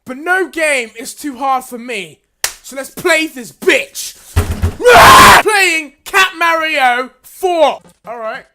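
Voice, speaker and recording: Female gamer, high, very animated; excitable commentary with constant swearing and yelps. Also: slow pace, very noisy. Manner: excitable, shouting and swearing at the game. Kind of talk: gameplay commentary.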